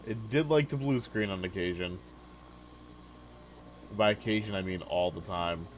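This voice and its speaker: Young man, low voice, easygoing let's-play chatter at a desk mic. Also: measured pace, a little hiss or hum, rough recording. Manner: laid-back, chatty, many filler "like"s. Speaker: gaming video host. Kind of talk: casual let's-play commentary.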